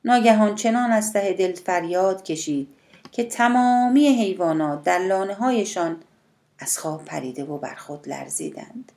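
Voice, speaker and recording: A woman's voice: medium pitch, lively intonation, warm tone. Woman narrating an audiobook.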